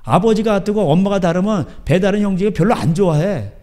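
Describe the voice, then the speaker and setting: Lively-pitched preacher man, dark tone. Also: fairly quick. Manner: keeps asking the crowd back "예?"; rambling, conversational preaching. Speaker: pastor. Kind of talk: sermon.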